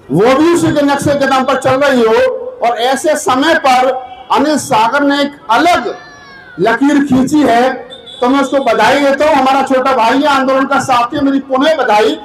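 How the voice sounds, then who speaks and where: A man giving a fiery political rally speech into a stage microphone, often shouting to the gathered crowd. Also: very high voice, roomy sound. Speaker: political speaker.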